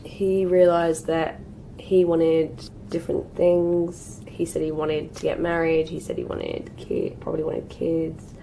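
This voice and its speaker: Here a beauty vlogger from the UK, in her twenties, is doing a get-ready-with-me makeup chat while still shaking off a cold, leaning heavily on "like" and "um." She has a low, slightly mellow voice. The recording is rough, with slight background noise.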